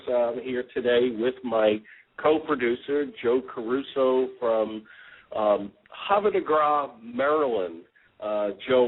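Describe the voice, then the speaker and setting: A man hosting a franchise radio talk show, chatting casually with a relaxed, rambling delivery full of ums and uhs. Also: medium pitch. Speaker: podcast host. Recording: tinny phone-line radio audio.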